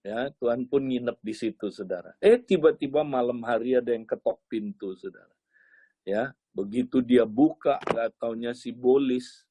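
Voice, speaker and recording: A man preaching a sermon as a lively story, often turning to address his listeners directly. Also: medium pitch, moderate pace, breathy edge, no echo.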